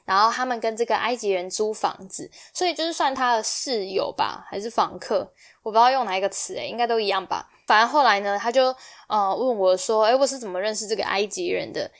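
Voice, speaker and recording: Young woman, from Taiwan, podcast host, slightly high voice, chatty storytelling, acts out dialogue. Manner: animated retelling, acting out quoted exchanges. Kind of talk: casual storytelling monologue.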